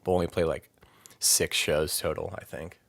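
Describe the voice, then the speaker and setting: Guesting on a podcast, this young Maryland man, a metal vocalist, rambles through casual interview chat full of fillers and easy laughter. His low, creaky, slightly rough voice has little pitch movement and a normal pace, recorded dry.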